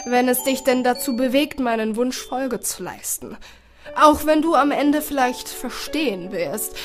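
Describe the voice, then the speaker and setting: A woman voicing a calm, gently firm grandfather in an audiobook, speaking slowly and deliberately. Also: high-pitched. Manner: slow and deliberate, measured. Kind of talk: audiobook character voice.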